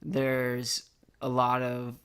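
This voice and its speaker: A man, co-hosting a casual podcast, jokey and quick to butt in with wisecracks. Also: mid-range voice, completely flat delivery, a bit bright, clean tone. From Missouri, USA. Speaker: podcast co-host. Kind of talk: casual chat.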